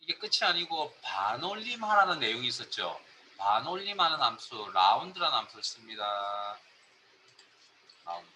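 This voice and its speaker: A man's voice: medium pitch, sing-song, moderate pace, sharp tone, a little hiss or hum, rough recording. A man teaching a spreadsheet class, explaining step by step and quizzing his students.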